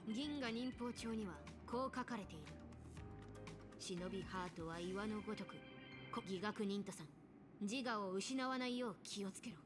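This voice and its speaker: A woman's voice: mid-range voice, moderate pace, music in the background, close to an everyday voice. A woman playing a solemn, fervent young ninja warrior in a game, declaiming in a grandiose, archaic way. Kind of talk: Japanese game voice acting.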